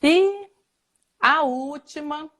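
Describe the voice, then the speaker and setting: Brazilian woman, guest expert, slightly higher voice, chatty explainer. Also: extremely slow, a bit bright. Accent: Brazilian Portuguese. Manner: explanatory, with fillers and occasional laughs. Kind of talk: casual live chat.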